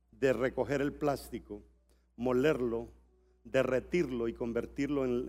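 With a mid-range voice, a middle-aged man from El Salvador gives a sermon at a church conference. He shifts between quiet stories and rising, shouted calls to his listeners.

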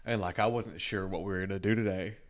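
A man's voice: low voice, steady tone, fast. A man co-hosting a podcast in casual chat, rambling and slangy, often repeating his words. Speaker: podcast co-host.

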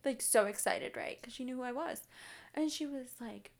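A young woman vlogger telling a story in casual chat, animated, with lots of fillers and swearing. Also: high voice, moderate pace.

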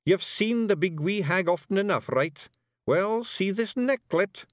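A man voicing a tough, bossy little male fairy clan leader with a Scottish accent and a gruff, blunt way of talking. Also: high-pitched, expressive, unhurried, dry recording, clean studio sound, voice pushed up. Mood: scheming.

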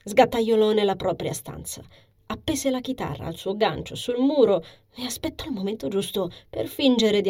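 A woman narrates a novel in a soft, hushed reading voice that now and then slips into a whisper. Her tone is husky and breathy, sitting at an ordinary pitch for a woman. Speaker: audiobook narrator. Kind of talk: scripted narration.

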